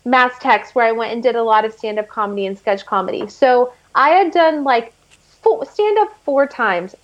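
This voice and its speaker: Chatty high-voiced woman telling stories. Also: expressive, moderate pace, lo-fi sound. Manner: chatty storyteller, many "like" fillers. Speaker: guest actress. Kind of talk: casual interview chat.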